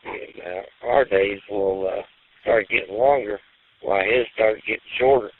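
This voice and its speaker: A man's voice: lowish voice, moderate pace. Guy checking in over a hissy ham radio link, tinny and thin, polite and kinda rambling. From northwest Arkansas. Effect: heard over a ham radio link with static hiss. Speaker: amateur radio operator checking in. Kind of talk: casual on-air radio net check-in. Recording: tinny radio transmission with faint hiss.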